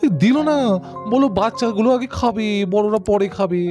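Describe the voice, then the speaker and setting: A woman's voice: fairly high pitch, a little fast, mellow, faint music behind, pitched below the performer's own voice, natural voice. A woman voicing a greedy, always-hungry grown brother doll in a doll cartoon, whiny and joking.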